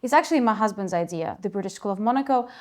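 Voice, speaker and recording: Her pitch is medium, her intonation lively, and her rapid-fire delivery a little mellow. She is a native Russian speaker from Ukraine, in her thirties, chattily telling an interviewer on camera how she co-founded a school, with plenty of asides.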